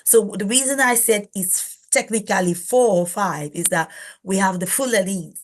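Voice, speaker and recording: A woman with a Nigerian accent hosts a live interview at a mid-range pitch. She talks in a chatty, informal way and often circles back and restarts her sentences. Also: moderate pace, a little hiss or hum. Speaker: host.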